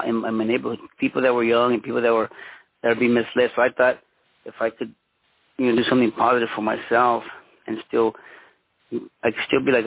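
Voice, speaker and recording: A man in his fifties, born in Mexico and raised in Los Angeles, telling his own story as a former police officer, halting and restarting often. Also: mid-range voice, gravelly, breathy edge, dry recording. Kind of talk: personal storytelling interview. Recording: tinny phone-line audio.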